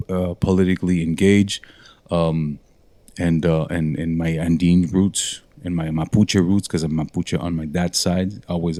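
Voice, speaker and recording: A guest musician from Montreal, Canada, tells his story in casual interview talk, rambling and correcting himself as he goes. His voice is low and warm, with no echo.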